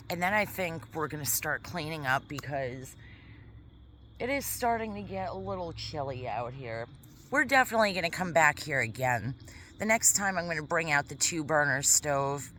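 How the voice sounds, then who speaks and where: A woman vlogging casually in a quiet park, chatting in a rambling way while she eats. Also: low voice, background noise. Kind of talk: casual vlog chat. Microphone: camera mic.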